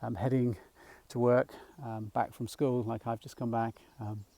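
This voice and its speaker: A middle-aged man speaks softly and rambles a little as he walks through a field, slightly out of breath. His voice is low-toned, gravelly and mellow, with plenty of fillers and restarts. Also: little pitch movement, measured pace. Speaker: nature mindfulness guide. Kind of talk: casual walking vlog. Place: outdoors in a field by a small woodland.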